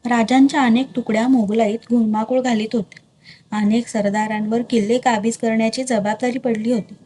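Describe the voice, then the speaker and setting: Fairly high-voiced woman narrating a novel. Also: fairly even intonation, a little fast, warm tone. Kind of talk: reading a historical novel aloud.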